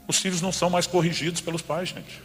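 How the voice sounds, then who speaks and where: A man's voice: sits high, fast talker. A middle-aged man preaching a sermon, telling a personal story and acting out the dialogue. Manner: lively storyteller who acts out dialogue. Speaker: pastor. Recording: reverberant hall with faint background music.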